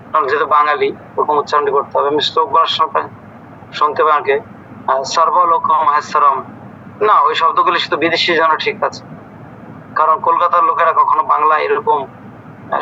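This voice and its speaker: A man's voice: fairly high pitch, gravelly, sharp tone, lo-fi sound, a little hiss or hum. A man teaching an online scripture class, strict and scolding as he quizzes his students and corrects their pronunciation.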